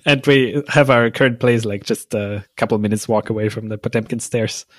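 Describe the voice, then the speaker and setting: A man's voice: lowish voice, moderate pace, no room sound. A man from Austria, a podcast guest, chatting casually with frequent laughs and fillers. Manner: relaxed, laughs often, many fillers. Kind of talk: casual interview conversation.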